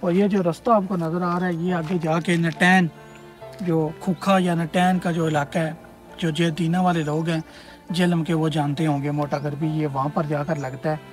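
Guy in his 30s vlogging outdoors by an old bridge, kinda high voice, rambly with lots of uhs, faint music behind. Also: normal speed. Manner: explanatory, rambling with many hesitation fillers; louder and more energetic while walking through the brush. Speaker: travel vlogger. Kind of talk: casual tour-guide vlog. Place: outdoors in open scrubland by an old stone bridge.

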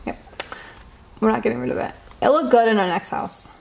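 A woman's voice: on the high side, a little fast, creaky. A woman in her twenties bantering in a laid-back, teasing way during a home vlog in an apartment. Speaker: vlogger, co-host. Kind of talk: casual chat. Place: small apartment, indoors.

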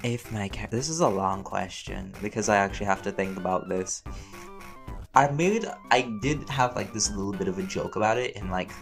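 With a creaky, lowish voice at normal speed, this voice actor and audio creator rambles through a casual Q&A with fans. He's playful and talkative, working things out aloud while music runs underneath.

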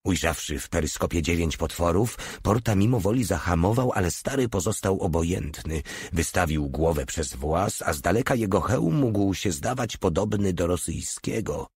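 A man narrating an audiobook in a steady, measured reading. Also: sits low, husky, no room sound, clean studio sound.

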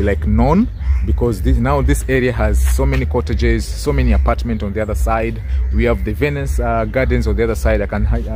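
A man's voice: medium pitch, darkish tone. Kenyan guy on a phone cam walking a street, lots of uhs, traffic noise behind. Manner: halting, with many fillers and restarts. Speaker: vlogger. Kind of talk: walking tour narration. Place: outdoors on a residential street. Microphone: handheld phone camera. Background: street noise and passing cars.

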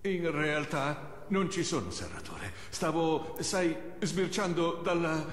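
An actor playing a shifty, pompous peeping man who fancies himself a gentleman philosopher, in a video game. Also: a little high, expressive, takes it slowly. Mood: sheepish excuses. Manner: evasive, pompous. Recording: roomy reverb, faint background noise.

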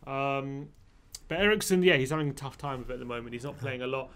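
A young man talks football from behind a desk mic in a small studio. His voice is mid-pitched and casual, full of restarts, and grows animated when he gets heated. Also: quick pace, clear, resonant tone. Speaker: football fan channel co-host. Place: small studio with brick wall. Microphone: desk microphone.

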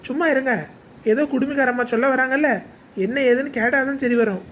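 A woman voicing an outspoken young daughter-in-law in a cartoon, brisk and teasing. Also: high-pitched, steady tone, a bit bright, slight background noise. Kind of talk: Tamil cartoon voice acting.

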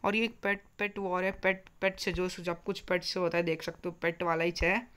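A young man commentating a video game for his channel, talking very softly and breaking into excited yelps and frustrated groans as he plays. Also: high-pitched, moderate pace, clear, resonant tone. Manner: speaking very softly on purpose. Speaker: gaming YouTuber.

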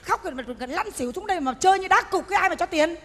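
A woman's voice: extremely high pitch, expressive, very fast, fairly bright tone. A woman, playing a stingy, bossy funeral host in a stage comedy sketch. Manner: bossy, scolding, northern speech. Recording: stage recording in a reverberant hall.

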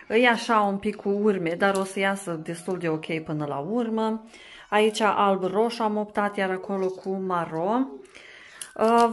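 In a casual voice-over, a young woman who vlogs about home life talks about cleaning and organizing her kitchen. Her mid-range voice rambles, full of fillers and restarts.

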